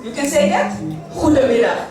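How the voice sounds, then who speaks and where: Animated speaker. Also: high-pitched, moderate pace, over music. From Netherlands. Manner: animated, jokey, leads call-and-response chants. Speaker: union board member giving a ceremony speech. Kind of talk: lively public speech to graduates. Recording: echoey hall, voice from far off, noisy room.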